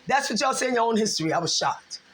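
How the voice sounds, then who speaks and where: A woman's voice: fairly high pitch, animated, quick pace, fairly bright tone, slight background noise. Heated American woman ranting. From United States. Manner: heated, profane, repetitive, lots of fillers. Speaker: vlogger. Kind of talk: ranting monologue.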